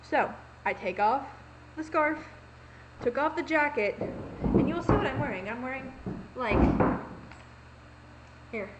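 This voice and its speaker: Slowly and with long pauses, a young woman speaks in a high, expressive voice into her laptop's webcam mic at home. It's a casual confessional vlog, rambling, packed with fillers and acted-out quotes, captured with lo-fi sound and heavy background noise.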